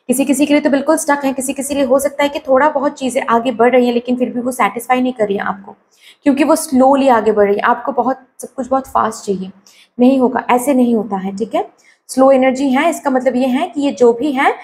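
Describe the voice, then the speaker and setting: A woman with a slightly hoarse, sore throat giving a tarot reading to her viewers, advising them and often checking "okay?" while mixing in English phrases. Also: high voice, a little fast, darkish tone. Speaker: tarot card reader.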